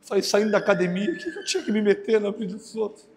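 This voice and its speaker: A male pastor preaching a lively sermon, joking and acting out the voices of people in his stories. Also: racing, a little hiss or hum. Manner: animated, jokey, acts out other voices with big pitch jumps. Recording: long hall reverb.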